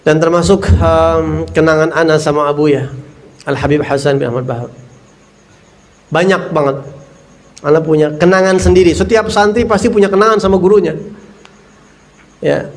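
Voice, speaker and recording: A male religious teacher whose voice sits a little higher than most men's. He gives a religious talk built around personal stories, speaking casually and with feeling. He acts out the scenes he recalls. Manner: casual, heartfelt, acts out scenes and recites verses.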